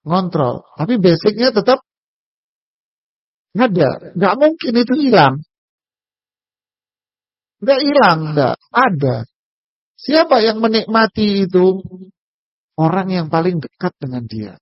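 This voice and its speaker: A man's voice: high-pitched, very animated, unhurried, pauses often, dry recording, highs cut off. A man giving a casual, humorous religious lecture, joking with and speaking directly to his audience. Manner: jokey, talks straight to the audience. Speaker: Islamic preacher.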